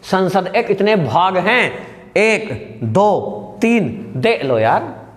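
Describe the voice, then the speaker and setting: A man teaching a lively class, asking questions and answering them himself, joking with the students and raising his voice to stress points. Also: high voice, extremely slow. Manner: shouts at times to stress a point.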